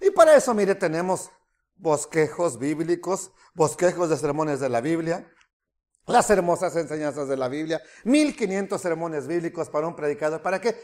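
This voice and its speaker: Animated preacher man. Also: a little high, normal speed. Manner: animated, mocking asides and rhetorical questions. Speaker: pastor. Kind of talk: sermon.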